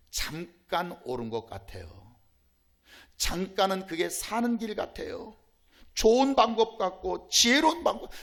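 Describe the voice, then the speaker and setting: A male pastor preaching a sermon, firing rhetorical questions at the congregation and swinging between loud and soft. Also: high-pitched.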